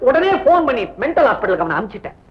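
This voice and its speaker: Bumbling doctor, high voice, bouncy pitch, rambling jokes, dull old soundtrack. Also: male voice, big pitch swings, racing. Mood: joking. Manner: chatty, rambling, comic. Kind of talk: 1970s film comedy.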